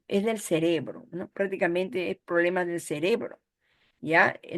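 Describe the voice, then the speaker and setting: Teaching an online course, this woman speaks with a Peruvian Spanish accent in a fairly bright voice that sits on the low side. She explains as she goes and often asks "¿ya?" or "¿no?" to check in.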